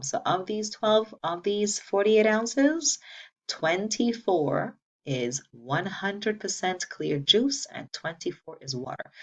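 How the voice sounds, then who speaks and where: A woman teaching a recorded pre-op class in an upbeat, playful way, repeating key rules and asking the class to say them with her. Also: deep voice. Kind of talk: recorded patient education class. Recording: distant, dull lo-fi room sound.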